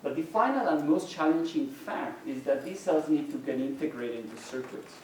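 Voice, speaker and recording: In a lecture hall recorded from a distant mic, with heavy echo and slight background noise, a middle-aged man from Mexico lectures at university level. Spanish is his first language, and he explains things with many restarts. He speaks at a normal speed in an animated voice on the high side.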